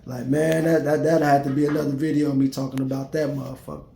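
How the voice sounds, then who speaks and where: A man in his forties telling a story straight to his viewers, profane and animated. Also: medium pitch, fast, vocal fry, reverberant, slight background noise. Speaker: vlogger. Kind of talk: casual storytelling rant to viewers.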